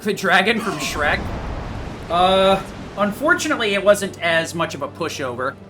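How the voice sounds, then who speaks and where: A man's voice: high-pitched, expressive, normal speed, over music. A man giving casual, rambling, matter-of-fact commentary on his own speedrun, picking at his own mistakes. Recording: clearly noisy home gaming recording.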